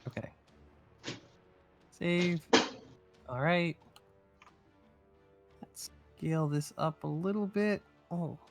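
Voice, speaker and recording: Male game master, a little high-pitched, loose and rambling, leans on filler words. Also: takes it slowly, creaky, long pauses, faint music behind. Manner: rambling, fills speech with "like" and "um". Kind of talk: casual table talk before an online game. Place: online voice chat.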